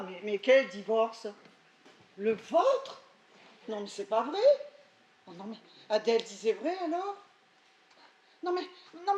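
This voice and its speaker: A woman acting an excitable young daughter in a stage comedy, theatrical and gushing. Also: high-pitched, echoey room. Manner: theatrical, exclaiming, gushing on the phone. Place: theatre stage before an audience.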